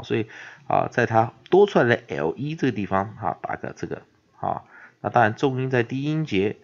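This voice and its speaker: Gravelly Taiwanese Mandarin male teacher, lo-fi. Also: fairly low pitch. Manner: repetitive filler particles, drawn-out example words. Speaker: English teacher. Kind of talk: phonics lesson. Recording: dull lo-fi recording.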